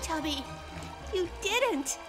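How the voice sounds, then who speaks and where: High-pitched bossy little cartoon girl. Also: animated, slow pace, heavily acted. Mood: confident. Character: bossy, quick-witted little girl, self-assured and wry. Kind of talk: children's cartoon voice acting. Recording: background music under the voice.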